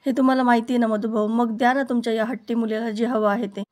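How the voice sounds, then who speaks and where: A woman's voice: on the high side, fairly even intonation, quick pace, darkish tone, lightly acted. A woman reading the lines of a young bride-to-be, firm, composed and pleading. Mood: determined. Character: calm, determined young bride-to-be.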